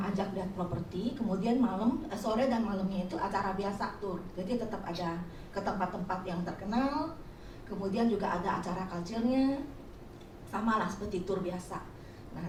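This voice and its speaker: A woman's voice: medium pitch, a little mellow, a little hiss or hum. A middle-aged woman from Indonesia giving an informal talk at a webinar, explaining in a chatty way with frequent hesitations. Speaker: webinar speaker. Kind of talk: informal presentation. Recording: roomy, distant from the mic.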